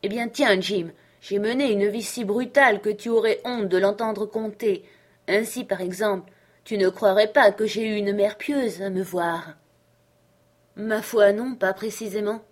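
A woman putting on a ragged, half-crazed old castaway, excitable and rambling, his voice jumping up in loud eager bursts. He sounds like a figure from a read-aloud adventure book. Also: mid-range voice, a little slow, natural voice.

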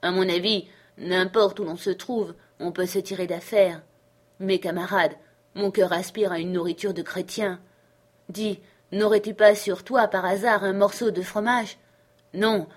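A woman putting on a ragged, half-crazed old castaway, excitable and rambling, his voice jumping up in loud eager bursts. He sounds like a figure from a read-aloud adventure book. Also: medium pitch, measured pace, close to an everyday voice.

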